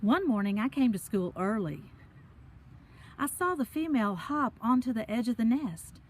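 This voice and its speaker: On a park trail, a children's story reader shares a picture book aloud in a fairly high, expressive voice at a moderate pace. She addresses the kids directly with simple, chatty words of encouragement.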